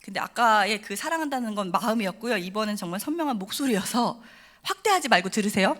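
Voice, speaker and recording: A woman telling an emotional personal story at a church service, animated and acting out the voices of the people in it. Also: mid-range voice, quick pace. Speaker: testimony speaker at a church service. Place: church sanctuary.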